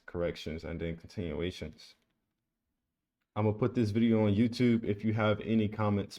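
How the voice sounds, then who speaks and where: In a screen-share trading tutorial, a man with a mellow, low voice goes over a price chart, pointing out levels and entries. He sounds relaxed and tends to repeat himself, holding a flat, even tone throughout, as if giving an easygoing lesson.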